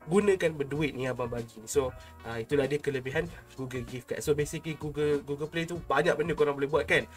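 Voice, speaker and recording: A man's voice: on the high side, quick pace, hardly any pauses. A young man with a Malaysian accent talking casually and informally to his subscribers as a YouTube host, close to a desk microphone. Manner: informal, chatty, addresses viewers as an older brother. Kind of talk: casual vlog talk to subscribers. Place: small home room, indoors. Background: background music.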